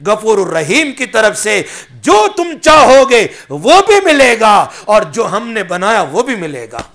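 A man's voice: high voice, sing-song, a bit bright. A man giving a religious sermon, mixing in English phrases and asking his listeners questions. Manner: asks the audience questions. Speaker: preacher.

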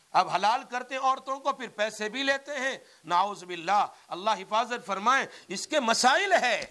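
A man, an Islamic scholar who teaches at a madrasa, giving a religious lecture on points of Islamic law. He tells cases as stories and acts out the quoted dialogue, with sudden swings in loudness, and recites Arabic sayings slowly and emphatically. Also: extremely high pitch.

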